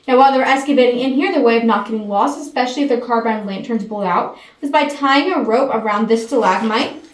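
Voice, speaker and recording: A woman's voice: on the high side, fast talker. A woman giving a memorized guided tour talk, her voice echoing inside a cave. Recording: echoey cave, distant mic, faint noise.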